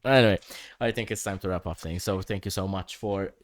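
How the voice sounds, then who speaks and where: A man's voice: deep voice, brisk, dry recording. Wry man co-hosting a podcast. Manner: dry, wry humor, many fillers. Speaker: podcast co-host. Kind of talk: casual chat. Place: home studio.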